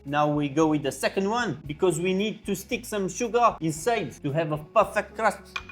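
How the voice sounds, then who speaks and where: A man playing an excitable French chef with a French accent, giving a casual, exclamatory step-by-step cooking tutorial. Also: sits high, lightly acted. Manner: exclamatory, sprinkles in French interjections and kitchen sound words. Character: excitable French chef, a man, teaching soufflé with fussy delight. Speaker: cooking show presenter.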